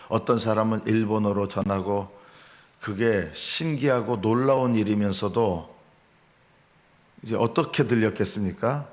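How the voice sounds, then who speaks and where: Earnest male pastor preaching a sermon. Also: lowish voice. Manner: earnest, rising in emphasis, acts out mockers and angry replies. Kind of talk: early-morning sermon. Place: church sanctuary.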